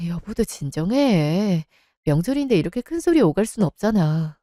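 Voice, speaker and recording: A woman's voice: medium pitch, big pitch swings, normal speed, warm tone, no room sound, studio quality, natural voice. A woman voicing a polite, patient young wife in a radio drama, placating and courteous.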